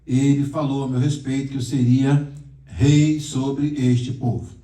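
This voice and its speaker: A man's voice: medium pitch, unhurried, warm tone. A male pastor teaching a Bible class, reading Hebrew aloud, quizzing his students and joking with them. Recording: roomy classroom echo, mic far off.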